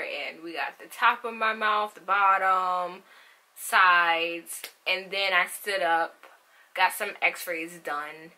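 A young woman vlogger speaks with braces in her mouth. Her voice is bright and mid-pitched, and she takes her time overall. She is chatty and animated, wandering into casual asides as she talks. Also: poor audio. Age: young adult. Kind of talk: casual personal vlog. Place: small room at home.

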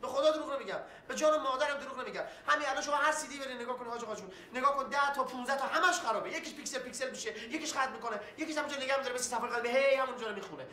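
A desperate young man, pours out oaths and excuses without a pause. The voice is bright and edgy, and it rings in an echoey room. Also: very high-pitched. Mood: pleading. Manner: pleading, swearing oaths nonstop, rambling. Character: fast-talking desperate young man caught by the law. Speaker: young man questioned by an official. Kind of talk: film dialogue.

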